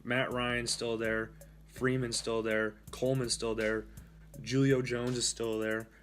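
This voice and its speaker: A man's voice: medium pitch, little pitch movement, measured pace, a bit bright, faint music behind. A young man hosting a casual solo sports talk show, rambling and correcting himself as he goes. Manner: rambling, with fillers and self-corrections. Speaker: host.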